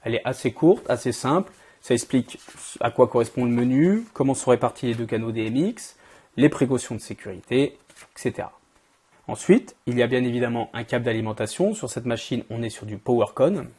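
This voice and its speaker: A man hosting a product review, talking informally and directly to the viewer in a strained, worn-out voice that is giving out, hoarse from a cold. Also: medium pitch, brisk, dark tone. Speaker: host of an event-equipment channel.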